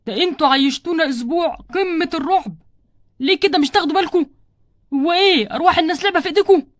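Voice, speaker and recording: A woman's voice: high voice, fast, no room sound, studio quality, close to an everyday voice. A woman voicing an adult man doll who frets over his sick wife, speaking Egyptian Arabic with pleading, repeated words. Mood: indignant. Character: worried devoted husband doll, adult man. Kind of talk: doll play storytelling.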